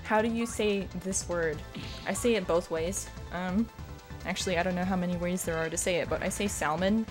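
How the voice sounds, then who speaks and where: A woman's voice: on the low side, steady tone, a little fast, over music. A woman streaming a game and chatting with viewers in a rambling, self-deprecating way. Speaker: streamer and speedrunner. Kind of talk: casual livestream chat while gaming.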